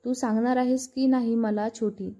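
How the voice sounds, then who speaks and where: A woman's voice: fairly high pitch, steady tone, moderate pace, warm tone, soft background music, lightly acted. A woman voicing a stern, scolding elder sister. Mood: pressing. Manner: scolding, pressing, lecturing.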